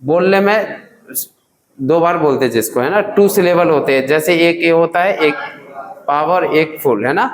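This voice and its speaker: Guy teacher in a class, keeps asking the kids the same question, kinda high voice, roomy sound. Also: normal speed. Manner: drills students with repeated questions; addresses students as children. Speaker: English grammar teacher. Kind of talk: classroom lesson. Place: classroom with students.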